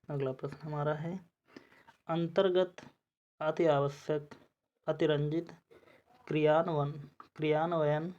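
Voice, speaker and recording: A woman's voice: sits low, darkish tone, highs cut off. A woman teacher working through spelling quiz answers for exam preparation, methodical and repeating each word as she checks the options.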